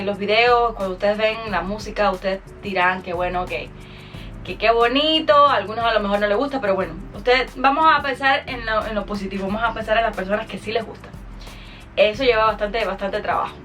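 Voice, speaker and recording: A Cuban woman who is a singer and podcast host delivers a chatty, informal monologue to her followers, sprinkling in English interjections. Her medium-pitched, slightly bright voice sounds far from the mic.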